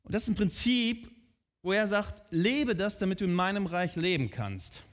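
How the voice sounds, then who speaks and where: A man's voice: high voice, animated, moderate pace. A man preaching a sermon in a conversational way, often asking his listeners direct questions.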